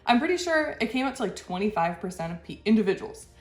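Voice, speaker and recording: A fast-talking woman with a medium-pitched voice and big pitch swings hosts a reaction commentary, her voice stuffy from a cold. She talks frankly and in exasperation, with quick laughs between points, in an echoey room where faint music plays.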